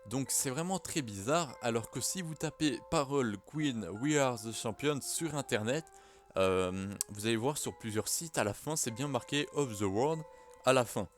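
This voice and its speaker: A man chats casually to his viewers, pausing often and filling the gaps with hesitant sounds. His voice sits at an ordinary middle pitch. Faint music plays softly behind him. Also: expressive. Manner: hesitant, many "euh" fillers. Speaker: YouTuber. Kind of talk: casual vlog talk to camera.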